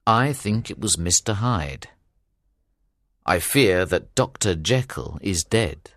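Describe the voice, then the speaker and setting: A man's voice: animated, fairly bright tone, no echo, studio quality, exaggerated voice. A man voicing a serious, formal male lawyer in an audiobook reading. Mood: grave. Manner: measured, formal, with sweeping pitch. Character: serious middle-aged male lawyer, measured and grave. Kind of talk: audiobook character voice.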